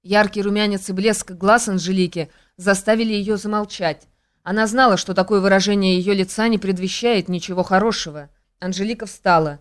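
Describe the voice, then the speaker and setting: A woman reads a classic novel aloud in a measured, even way. Her voice is smooth and clear, sitting at a middling pitch for a woman. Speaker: audiobook narrator. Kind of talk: scripted narration of a novel.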